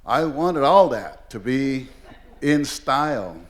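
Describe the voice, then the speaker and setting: An older man from Oregon tells a story before a live audience, rambling along with plenty of "you know"s and "uh"s. His pitch sits mid-range for a man, and his telling is humorous and unhurried. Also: expressive. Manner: rambling and humorous, heavy with fillers. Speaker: language teacher and storyteller. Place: performing arts hall, live event.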